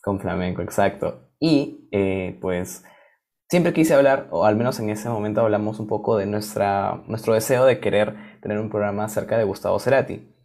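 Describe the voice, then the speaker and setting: A man's voice: on the low side, moderate pace, darkish tone. A man co-hosting a casual talk show, chatty and enthusiastic. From Peru. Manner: chatty, enthusiastic, with frequent fillers and restarts. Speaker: co-host.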